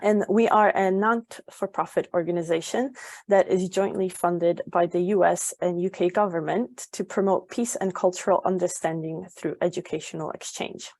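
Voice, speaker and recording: A young woman from Poland presents a study-abroad webinar as an advisor, her lowish voice carrying a gravelly edge. She explains things step by step and fills her pauses with ums and uhs. The recording is dry and close. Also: fairly even intonation, a little mellow, no echo. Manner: frequent ums and uhs, informative. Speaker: education advisor.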